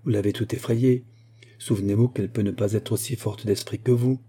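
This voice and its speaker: A man voicing a soft-spoken young man. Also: fairly low pitch, steady tone, brisk, slightly rough. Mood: concerned. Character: gentle, concerned young man. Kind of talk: audiobook character voice.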